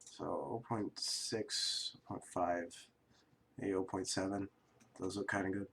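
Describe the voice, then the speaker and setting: A man who is sick and coughing, casually talking through a software tutorial at his computer, rambling and correcting himself with fillers. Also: sits low, steady tone, slow, slightly rough. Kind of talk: casual screen-recorded tutorial.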